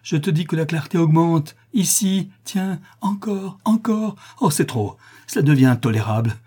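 A man voicing a delirious, tormented notary who cries out in shrill frenzy. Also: normal speed, dark tone, slightly rough. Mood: anguished. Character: delirious raving male notary, tormented and feverish. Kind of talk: audiobook character reading.

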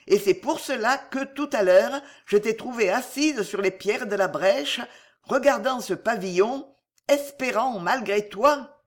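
A woman reading an audiobook, voicing a stern, commanding woman who presses her questions firmly. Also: a little high. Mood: grave. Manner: firm, measured, commanding. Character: stern, imperious older woman interrogator.

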